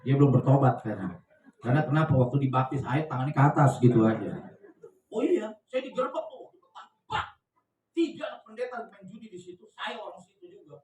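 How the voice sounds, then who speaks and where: Brief: man pastor, high-ish voice, loose joking sermon, echoey church hall, mic set back. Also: sing-song, a little fast, distant mic, muffled recording, noisy background. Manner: chatty, joking, with slangy asides and laughter. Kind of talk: lively conversational sermon.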